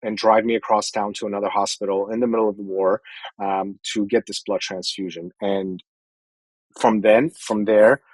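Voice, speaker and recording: Man in his 40s from Iran, low voice, earnest and a bit halting, guest telling his life story. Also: darkish tone, no echo, rough recording. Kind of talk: personal storytelling in an interview.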